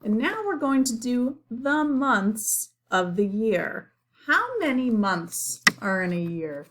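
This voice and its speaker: Sounding like she's teaching a kindergarten class, a woman uses a slightly high, sing-song voice to lead the little ones through a lesson. She repeats simple encouraging phrases and waits for them to respond, with background noise behind her.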